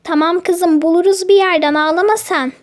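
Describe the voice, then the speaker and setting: A woman voicing a gentle toy mother who coaxes and soothes her little daughter in a toy storybook play. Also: very high voice, steady tone, moderate pace. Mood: soothing. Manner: soothing, coaxing.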